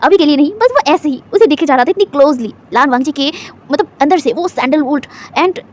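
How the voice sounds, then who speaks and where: Quick, chatty woman retelling a story. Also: high voice, animated. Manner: chatty, with fillers and asides. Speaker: fan fiction storyteller.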